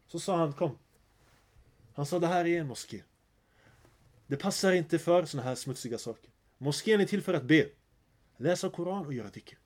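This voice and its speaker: A man's voice: a little high, pauses often. A man giving an earnest religious lecture, telling stories and mixing in phrases. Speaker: preacher.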